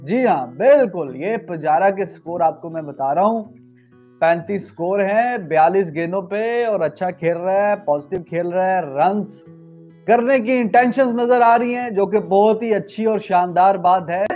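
A man's voice: high voice, normal speed, a little mellow, dull audio, soft background music. A man hosting a cricket show, giving score updates in an upbeat way. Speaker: show host.

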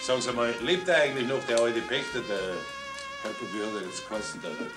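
A man's voice: mid-range voice, lively intonation, fast, music in the background, lightly acted. An actor playing a nosy, affable older working man with a Bavarian accent in a 1960s German crime series. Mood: chatty.

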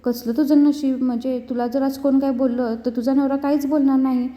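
Woman reading a cocky young husband, blunt and teasing, high-ish dark voice, echoey muffled room. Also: flat delivery, brisk, close to an everyday voice. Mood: defiant. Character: hot-headed young husband defending his family. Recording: dull, reverberant room recording.

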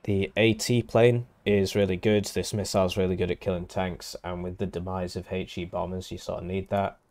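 A man's voice: low-pitched, level tone, normal speed, a little mellow. A man with a nasal, congested voice, casually casting and explaining a strategy game match from home. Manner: talks through options, casual and wry. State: congested from illness. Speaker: game caster.

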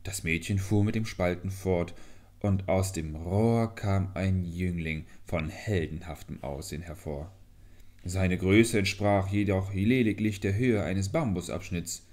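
A man reading a fairy tale aloud as an audiobook narrator, in a measured, even way. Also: deep voice. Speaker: audiobook reader.

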